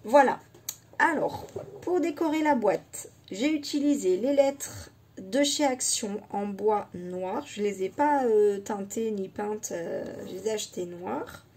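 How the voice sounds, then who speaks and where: A woman scrapbooking vlogger giving a casual show-and-tell of her craft project, unhurried and hesitant, thinking aloud as she shows each item. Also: mid-range voice, animated, darkish tone.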